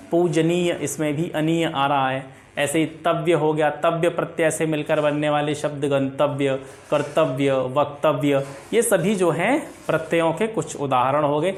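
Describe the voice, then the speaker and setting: A man with a somewhat high voice teaches a grammar lesson for exam preparation. He runs through lists of example words, poses questions and answers them himself, and keeps checking in with a quick "theek hai". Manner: explains by listing examples, often asking and answering his own questions; often adds filler checks like "theek hai".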